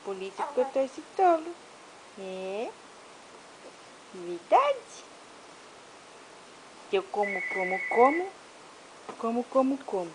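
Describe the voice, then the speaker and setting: A woman's voice: a little high, sing-song, slow, long pauses, noisy background, voice pushed down. A mother doing a fussy hungry baby boy.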